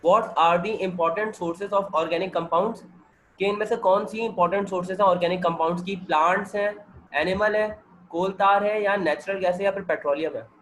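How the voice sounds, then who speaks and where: A hoarse man, working through chemistry multiple-choice questions with a student on a video call and checking that the student follows. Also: high-pitched, steady tone, moderate pace, a bit bright, slight background noise, poor audio. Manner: explains step by step and keeps checking that the student understands. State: hoarse, with a sore throat and cold. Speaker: chemistry teacher. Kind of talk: MCQ-solving lecture over video call.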